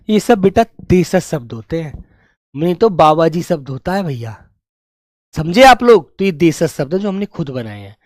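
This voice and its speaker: A man's voice: high-pitched, no room sound. Chatty Hindi teacher man, dry sound. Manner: chatty, calls students "beta" and "dear children", keeps asking "right?". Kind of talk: exam revision lesson.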